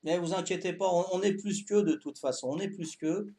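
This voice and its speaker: Fifty-something Corsican man streaming a game. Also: high-pitched. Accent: Corsican French. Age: 50s. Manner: addresses viewers directly, tags sentences with "hein", repeats himself; calm, unhurried, talks to chat while playing. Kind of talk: live game stream chat.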